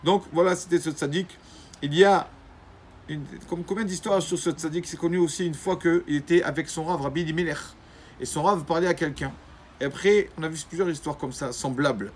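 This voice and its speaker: A rabbi, a man, telling a religious story in a lively way, acting out the quoted voices and correcting himself as he goes. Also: on the high side, a little hiss or hum. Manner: pauses to correct himself mid-sentence. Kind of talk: storytelling Torah lesson.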